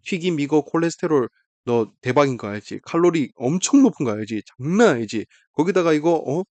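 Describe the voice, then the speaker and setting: A man voicing a smug, blunt high school boy, swinging between mock panic and lecturing rants. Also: sing-song, brisk, a little mellow, no echo.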